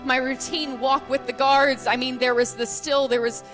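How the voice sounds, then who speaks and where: Shaken town guard survivor, played by a woman: highish, stammering, halting, tabletop role-play over music. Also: flat delivery, a bit bright. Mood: shaken, bewildered. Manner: halting, stammering, repeating words.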